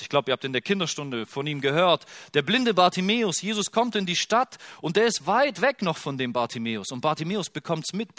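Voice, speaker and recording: A man preaching a sermon, telling a Bible story and switching from hushed quotes to loud, emphatic passages. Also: a little high, no echo, clean studio sound. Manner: expressive, swings from hushed to loud when quoting.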